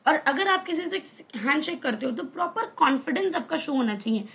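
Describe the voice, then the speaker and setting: A woman's voice: sits high, animated, a little fast, a bit bright. A young woman teaching an online class in a chatty way, explaining with everyday examples and asking rhetorical questions. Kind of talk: casual online lesson.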